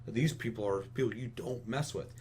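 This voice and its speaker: Over a constant background hum and noise, this podcast co-host argues his opinions vehemently, cursing a lot in a casual discussion. His voice is fairly low and slightly rough, at normal speed.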